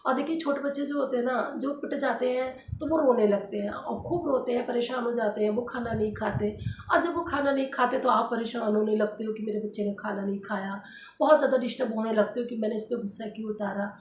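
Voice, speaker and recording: A woman's voice: fairly high pitch, a little fast, a little hiss or hum. A woman, a housewife, gives earnest, casual advice straight to her viewers, repeating her points and leaning on small fillers. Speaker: housewife vlogger giving advice. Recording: roomy echo.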